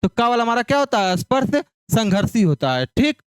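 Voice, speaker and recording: A man's voice: very high voice, very animated, brisk, smooth, no room sound, clean studio sound. A male teacher giving an exam-prep phonetics lesson, drilling syllables over and over in call-and-response and asking questions he answers himself. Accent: Hindi.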